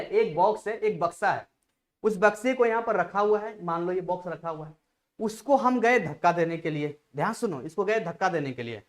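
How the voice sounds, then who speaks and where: A man teaching a live online physics class, chatty and repetitive, drifting off into side stories before returning to the lesson. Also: sits high. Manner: chatty, digresses, repeats phrases to drill a point.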